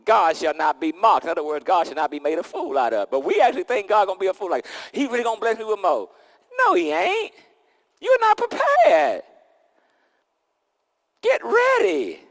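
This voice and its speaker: A man's voice: sits high, very animated, moderate pace, long reverb tail. A man preaching a sermon into a pulpit microphone, emphatic and repetitive, with casual vernacular and call-and-response. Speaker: pastor.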